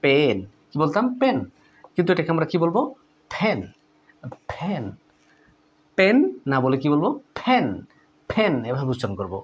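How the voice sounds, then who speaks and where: Man, Bangladeshi Bengali accent, pronunciation teacher, slightly high voice, repeats example words, stresses sounds, asks questions. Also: very animated, fast talker. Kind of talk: lesson.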